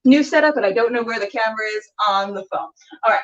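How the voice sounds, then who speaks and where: A woman with a slightly high voice talks fast, hosting a cooking show on a live stream from indoors while she cooks. She chats playfully and casually to the camera, rambling and muttering to herself along the way. The audio is roomy and distant, with a dull camera quality.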